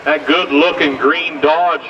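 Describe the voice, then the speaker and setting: An American man working as a tractor pull announcer, calling distances and placings in a folksy way with drawn-out numbers. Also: a little high, steady tone, muffled recording. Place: outdoors at a truck and tractor pull. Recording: distant outdoor capture with loud vehicle noise. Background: engines and vehicle noise.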